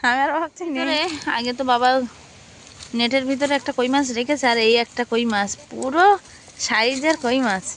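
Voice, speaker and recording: Hoarse lady vlogging outside by a pond, high pitched, chatty, asks lots of questions. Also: normal speed, a bit bright, slight background noise. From Bengal. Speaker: village vlogger. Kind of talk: casual narration of daily life. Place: outdoors by a village pond.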